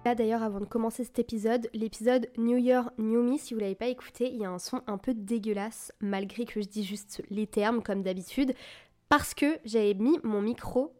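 A young woman talks loosely into a desk microphone for her solo podcast, her voice sitting a little high. She sounds chatty and encouraging, with plenty of fillers and English buzzwords dropped in along the way. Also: fairly even intonation, normal speed, a little mellow, faint music behind. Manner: self-described anxious, encouraging tone. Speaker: podcast host. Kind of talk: casual solo podcast chat. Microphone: desk mic on a boom arm.

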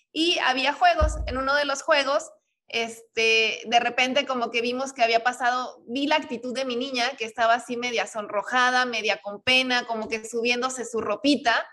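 Mom co-host, bright and fairly high, animated confessional telling. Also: female voice. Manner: emotional, animated storytelling. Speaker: co-host, mother. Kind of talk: personal story in casual chat.

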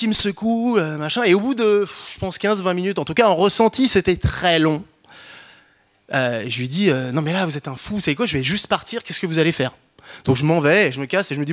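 A man in his thirties from France telling a personal anecdote to an audience, lively and self-mocking, with frequent restarts and slang. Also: a little high. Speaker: storyteller.

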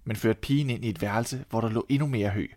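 A Danish man reading a fairy tale aloud in a calm, measured storytelling manner. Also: mid-range voice, no echo, clean studio sound.

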